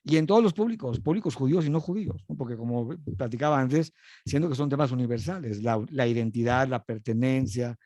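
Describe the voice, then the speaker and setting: A man's voice: mid-range voice, brisk, warm tone, dry recording, clean studio sound. A man with a Mexican accent, a filmmaker guest on a panel, speaking reflectively and ending phrases with a questioning tag. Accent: Mexican Spanish. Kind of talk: casual panel discussion.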